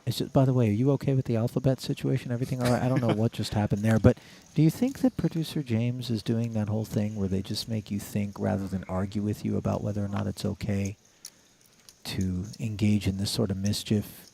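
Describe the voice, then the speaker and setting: Male poker commentator, soft-edged mellow tone, wry delivery, slight background noise. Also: fairly low pitch, fairly even intonation, a little fast, vocal fry. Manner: dry, wry humour. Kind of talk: live poker commentary with bantering asides. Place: commentary booth. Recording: faint background noise and clicks.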